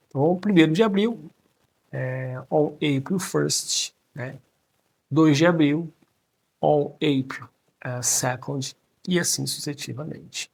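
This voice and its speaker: A man in his thirties, a teacher, explaining grammar with lots of tag questions and slow, careful English examples. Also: medium pitch, creaky, breathy edge. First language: Portuguese. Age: 30s.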